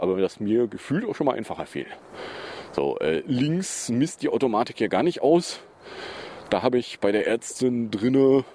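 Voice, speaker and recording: A man's voice: fairly low pitch, mellow, slight background noise. A man hosting a casual personal podcast, talking in a chatty, rambling way with many fillers and self-corrections. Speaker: podcast host.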